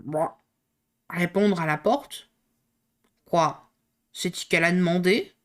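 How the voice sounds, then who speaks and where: A woman voicing a very old, slow male frog doorkeeper with a hoarse, low, drawling voice and folksy slang. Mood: grumbling. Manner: slow and muttering, with folksy slang and wheezing "ouah" breaths.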